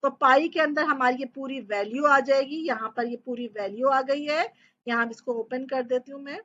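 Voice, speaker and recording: A woman's voice: high voice, steady tone, normal speed, fairly bright tone, muffled recording. A woman teaching programming, explaining step by step and often checking in with her students. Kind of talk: coding tutorial lecture.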